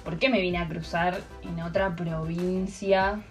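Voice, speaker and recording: A woman's voice: lowish voice, steady tone, a little slow, soft background music. A young woman with an Argentine Spanish accent chatting casually, rambling through stories with lots of fillers. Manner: rambling storyteller with many fillers. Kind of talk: casual chat.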